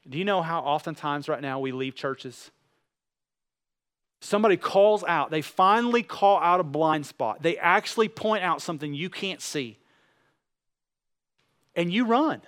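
High-voiced pastor, earnest and direct. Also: male voice, fairly bright tone. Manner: earnest, direct address with rhetorical questions and repetition. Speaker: pastor preaching. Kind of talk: sermon.

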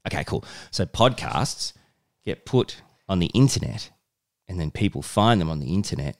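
A man's voice: sits low, big pitch swings, normal speed. A man hosting a casual podcast chat with a child, patiently prompting with questions and simple explanations. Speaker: podcast host, father talking with his child.

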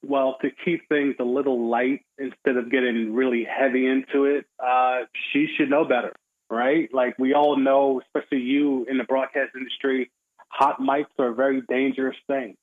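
Over a tinny, phone-like line, a male guest offers opinionated yet measured sports commentary in colloquial, conversational phrasing. His voice is medium-pitched with a level tone.

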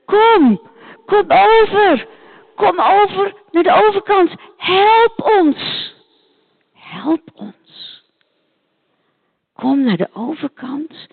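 A woman's voice: high voice, expressive, a little slow, gravelly, husky, in a large hall, full character voice. A woman voicing a man who calls across the sea for help, in urgent pleading calls, on a tinny phone-like recording.

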